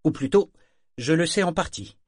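A man plays a wealthy skeptic in a storybook, plaintive and grumbling. The voice sits raised and loud. It is recorded close and dry. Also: on the high side, expressive, normal speed, breathy edge, no echo, voice pushed up. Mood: complaining.

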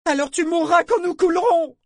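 A man voicing a frightened young boy who shouts orders on a ship in a storm, in a high, strained voice. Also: brisk, no room sound, studio quality. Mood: desperate shouting. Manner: high, strained, desperate yelling.

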